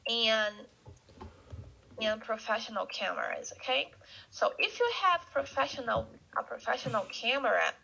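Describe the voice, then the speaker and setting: A woman teaching an English vocabulary lesson, speaking slowly and repeating words for learners to echo. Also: on the high side, gravelly, pushed and bright. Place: Canada. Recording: dull lo-fi recording.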